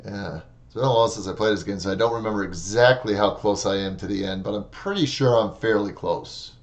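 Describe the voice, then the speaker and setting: A man in his thirties from Wisconsin, with a Wisconsin accent, streams a game from a small room at home over a headset mic. His fairly low voice runs a little fast as he chats casually and wryly, talking back to the game.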